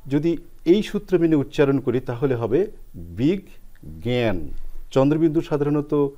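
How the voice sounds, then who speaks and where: A man's voice: on the high side, normal speed, mellow, muffled recording. A man explaining pronunciation rules as a guest expert on a TV language program, spelling out sounds step by step.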